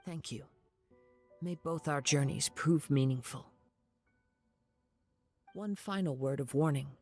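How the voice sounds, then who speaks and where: Serene, lightly creaky young samurai. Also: male voice, fairly high pitch, faint music behind. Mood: calm, earnest. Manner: calm, formal, measured phrasing. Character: serene young wandering samurai, poetic and courteous. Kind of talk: anime game voice acting.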